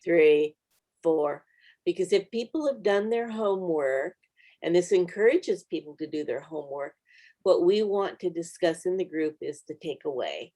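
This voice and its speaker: This middle-aged woman, author and co-host of a Bible study, sounds animated yet mellow, her voice on the low side and her speed normal. In a casual teaching conversation she earnestly encourages group leaders with practical tips.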